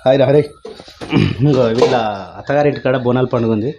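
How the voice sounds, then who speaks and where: Fast-talking chatty woman. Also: very deep voice, fairly even intonation, noisy background. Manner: teasing, chatty questions to relatives. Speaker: vlogger. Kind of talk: casual family vlog chat. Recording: slightly dull lo-fi sound.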